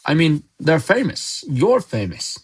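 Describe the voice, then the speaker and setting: A huge, gruff but good-hearted giant, voiced by a male reader, blustering in folksy speech. His voice often rises a little above the narration. It comes from a storybook reading. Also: on the high side, sing-song, unhurried, voice pushed up, heavily acted. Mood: gruff, exasperated. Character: big gruff kindly giant groundskeeper man.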